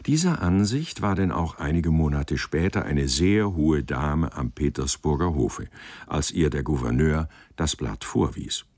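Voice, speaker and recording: Very deep-voiced male storyteller. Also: expressive, a little slow, a little mellow, dry recording. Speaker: narrator. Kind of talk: audiobook narration of a literary story.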